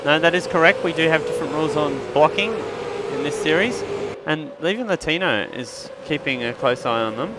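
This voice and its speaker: A man's voice: fairly high pitch, lively intonation, normal speed, background noise. A man giving live motorsport commentary as a conversational play-by-play that lifts with the action.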